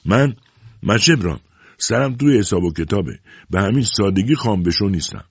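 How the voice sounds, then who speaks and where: A man voicing a boastful, meddling middle-aged village man who talks loudly and excitedly. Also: fairly low pitch, creaky, breathy edge, no room sound, exaggerated voice. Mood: excited, pushy. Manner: loud, excitable, self-assured. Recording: dull lo-fi recording.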